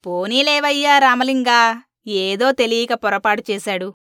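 A woman's voice: on the high side, measured pace, fairly bright tone, clear, resonant tone, no echo, clean studio sound. A woman doing a coaxing, scheming royal minister. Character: scheming male royal minister protecting his kin.

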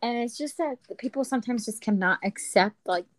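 Give me an animated woman co-host with a high voice, tossing in Spanish phrases. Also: fairly quick, noisy background. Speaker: podcast co-host. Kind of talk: casual chat.

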